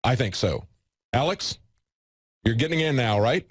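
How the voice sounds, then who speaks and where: A man's voice: mid-range voice, lively intonation, a little slow, breathy edge, no echo. A man hosting a political broadcast, talking with emphatic, rhetorical repetition. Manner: emphatic, rhetorical, repeats phrases. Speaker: broadcast host. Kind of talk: impassioned political commentary.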